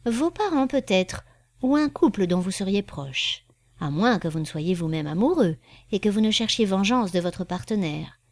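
A woman voicing a man posing as a fortune-teller, smooth and persuasive as he reads the cards. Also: mid-range voice, expressive, normal speed, a little mellow, no echo, clean studio sound, close to an everyday voice.

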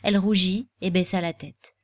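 A woman narrating a literary novel as an audiobook in a measured, expressive reading. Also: fairly low pitch.

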